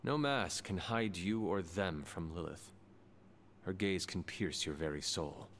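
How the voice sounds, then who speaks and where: An actor playing a calm, solemn man in a video game, speaking formally and in a measured way without contractions. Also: sits low, a little hiss or hum.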